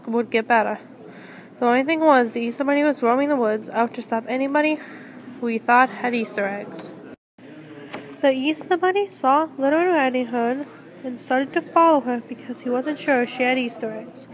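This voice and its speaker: A woman's voice: high voice, moderate pace, a little hiss or hum, poor audio. A woman reading a homemade fairy tale aloud in an earnest way, with small slips and restarts. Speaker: storyteller.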